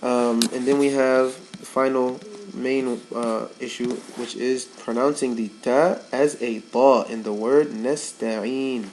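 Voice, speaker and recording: A man's voice: medium pitch, steady tone, slow, hardly any pauses, darkish tone, a little hiss or hum, low-quality recording. A man giving a casual tajweed lesson as a Quran recitation teacher, repeating words for emphasis.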